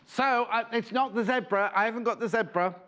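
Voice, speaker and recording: Pushed and bright, this middle-aged presenter's voice is extremely high-pitched and fairly quick as he hosts a live sales demo in a TV craft studio. He jokes and chats, drifting between banter and sales patter, with slight hiss or hum present.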